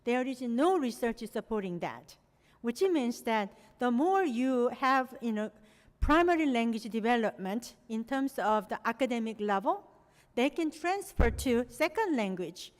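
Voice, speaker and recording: Speaking in a lecture hall full of long reverb, a middle-aged woman from Korea presents academic material without hurrying. Korean is her first language, which shows in her non-native phrasing, and she often says "you know"; her voice sits a little high with lively intonation.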